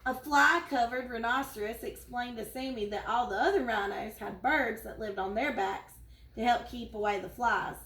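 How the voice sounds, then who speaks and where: A teacher reads a children's storybook aloud in a warm, expressive way. Her voice sits a little high for a woman. The room gives it a roomy echo. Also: normal speed, slight background noise.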